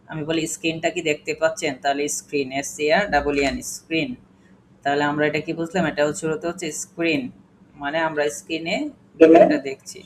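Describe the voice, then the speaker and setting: A man's voice: fairly high pitch, a little hiss or hum, rough recording. A man teaching an English class, patiently spelling words letter by letter and quizzing his students. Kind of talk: classroom lesson.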